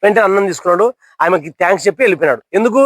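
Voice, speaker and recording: A man's voice: high-pitched, very fast, no room sound. A young man telling a motivational story to listeners, asking them questions and acting out characters' lines.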